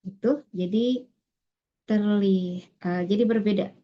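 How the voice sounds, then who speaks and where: A female tutor explains a reading passage patiently in an online class, pausing often with fillers and restarts. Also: mid-range voice. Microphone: online class recording. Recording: muffled lo-fi online class audio.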